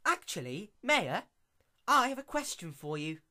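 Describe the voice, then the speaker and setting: Storybook pony princess, played by a man: young, female, indignant schemer, hammy and theatrical, raised pitch, big swoops. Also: huge pitch swings, moderate pace, sharp tone, exaggerated voice. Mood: sly, smug. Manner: hammy, theatrical stage delivery. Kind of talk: dramatic reading of fan fiction.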